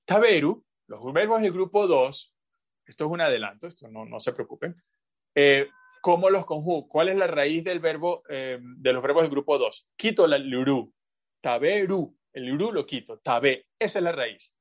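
Male teacher on a video call, a bit high-pitched, muffled sound, repeats himself patiently to guide students. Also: animated. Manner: explains patiently with examples and asides; drawn-out, repetitive phrasing with many fillers. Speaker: language teacher. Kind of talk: teaching an online class.

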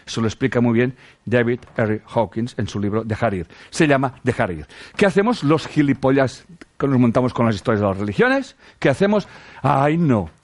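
A man from Spain with a Castilian accent leads a relaxed spiritual talk before a group. His pitch swings lively up and down as he pushes rhetorical questions and salty slang. He keeps addressing his listeners affectionately as sweethearts. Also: brisk. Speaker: spiritual teacher.

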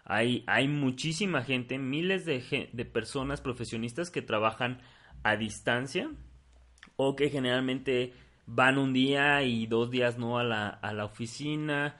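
A man's voice: medium pitch, a little slow, fairly bright tone. Hesitant man co-hosting a podcast. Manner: hesitant, many fillers and restarts. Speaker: podcast co-host. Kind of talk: casual podcast chat.

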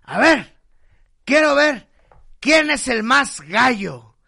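A man's voice: very high-pitched, sing-song, takes it slowly, creaky, voice pushed up, exaggerated voice. A man doing a bellowing Mexican bar drunk. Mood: belligerent. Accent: Mexican Spanish. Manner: loud, bellowing challenges. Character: rowdy drunk man picking a fight in a bar.

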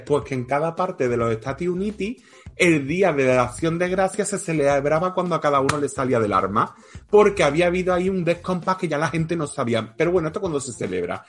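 This man's voice is a little high and husky. Co-hosting a casual podcast, he tells trivia stories playfully, cracking jokes and laughing frequently.

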